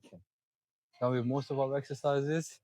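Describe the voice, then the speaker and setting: A man's voice: medium pitch, level tone, moderate pace, warm tone, dry recording, low-quality recording. A young man in a gym, out of breath, coaching viewers step by step through a back workout. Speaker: fitness vlogger. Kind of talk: casual gym walkthrough.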